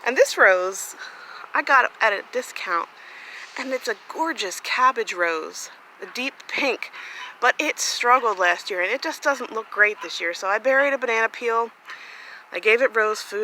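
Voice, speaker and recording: A woman's voice: medium pitch, expressive, moderate pace, sharp tone, slight background noise, low-quality recording. A woman chatting casually as she walks through her garden outdoors, talking into a handheld phone camera with plenty of fillers. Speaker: gardening vlogger. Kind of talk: casual walk-through vlog. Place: outdoors in a sunny home garden.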